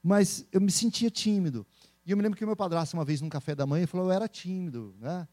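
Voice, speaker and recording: A man with a Brazilian accent, a speaker and entrepreneur, telling stories in a casual interview with animated laughter. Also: high voice, dry recording. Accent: Brazilian Portuguese. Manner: animated, laughing, quick storytelling.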